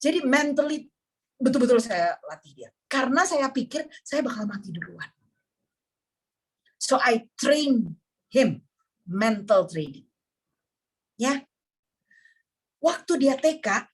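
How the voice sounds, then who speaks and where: A woman's voice: high voice, breathy edge. A woman who works in neuroscience, giving a talk to a group of parents and telling dramatic stories while addressing her listeners directly. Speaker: neuroscience practitioner speaking to parents.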